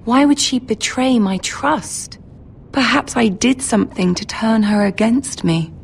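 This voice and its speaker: Commanding young noble lady, game drama; unhurried, measured, imperious. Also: fairly high pitch, vocal fry, a little hiss or hum. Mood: wistful. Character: poised, commanding young noble lady, betrothed future queen. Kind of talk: dramatic video game acting.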